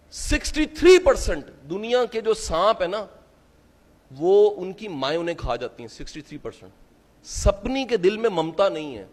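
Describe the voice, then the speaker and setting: A man gives an impassioned religious lecture to a seated audience, asking many rhetorical questions. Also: high voice. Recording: long hall reverb.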